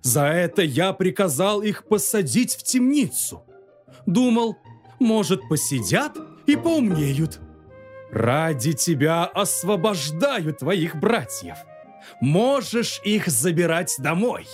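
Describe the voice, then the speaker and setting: A man voicing a jovial, grateful old king who speaks slowly and chuckles. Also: high voice, soft background music, heavily acted. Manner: chuckling, expressive.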